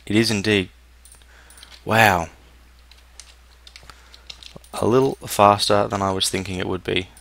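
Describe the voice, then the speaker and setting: A man's voice: lowish voice, flat delivery, slow, creaky, pauses often, a bit bright. A young man giving casual let's-play commentary, muttering and thinking aloud as he plays. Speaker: gameplay commentator.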